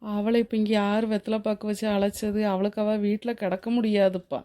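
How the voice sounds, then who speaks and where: A woman voicing a sharp-tongued young daughter-in-law in a cartoon who mutters sarcastic asides. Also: mid-range voice, level tone, normal speed, lightly acted.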